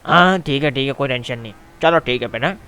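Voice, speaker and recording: Bright-voiced young man bantering. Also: medium pitch, fast talker, clean tone. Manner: bantering, teasing, calls others "my son". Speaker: machinima voice actor. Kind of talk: role-play narration for a game video.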